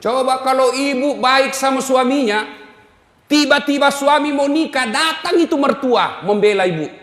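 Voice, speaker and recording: A male preacher giving a humorous sermon in an animated, teasing way, speaking directly to his audience in a large hall. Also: very high-pitched, moderate pace. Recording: echoey hall.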